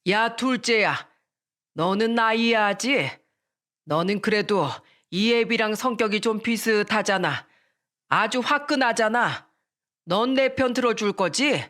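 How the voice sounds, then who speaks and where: A woman voicing an angry 65-year-old father who scolds his grown children in a radio story. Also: on the high side. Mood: coaxing pressure. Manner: shouting, scolding, drawn-out demands.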